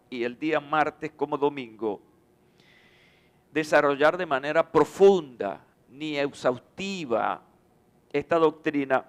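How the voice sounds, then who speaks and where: A male pastor giving a Sunday sermon, calling on the congregation to respond. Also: mid-range voice. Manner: slow, deliberate preaching with call-and-response to the congregation. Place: church sanctuary.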